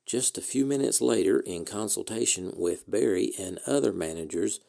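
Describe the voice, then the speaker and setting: Low, gravelly male history narrator. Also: warm tone. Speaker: podcast host and narrator.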